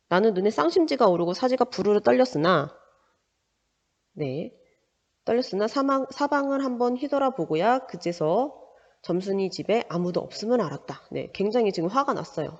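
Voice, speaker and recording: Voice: medium pitch, darkish tone. A Korean literature teacher reading a story aloud and explaining it, checking in with frequent rhetorical questions. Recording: dull lo-fi sound with long reverb.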